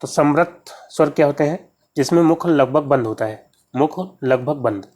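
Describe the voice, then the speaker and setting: A man with a slightly mellow voice, on the high side and at normal speed, tutors students in Hindi grammar for exams. He takes the practice questions one by one and repeats key terms as he explains them.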